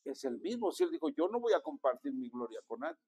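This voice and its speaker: A man's voice: medium pitch, very animated, fast, vocal fry, a little mellow, husky. A man with a Mexican Spanish accent, a pastor preaching a sermon and calling on his congregation to repeat after him. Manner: preaching with call-and-response to the congregation.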